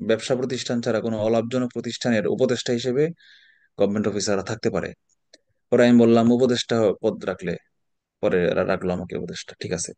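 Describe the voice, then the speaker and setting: A man's voice: mid-range voice, darkish tone, no echo. Chatty Bangladeshi male teacher, dry sound. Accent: Bangladeshi Bengali. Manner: chatty storyteller, sprinkles in English words. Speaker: exam prep teacher. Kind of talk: online lecture with anecdotes.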